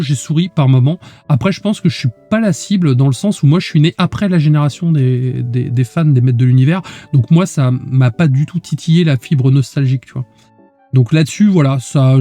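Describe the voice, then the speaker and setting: A man's voice: a little high, brisk, warm tone, faint music behind. Sick nasal man on a podcast. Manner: rambling, lots of fillers. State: sick, congested voice. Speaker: podcast co-host. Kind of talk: casual chat.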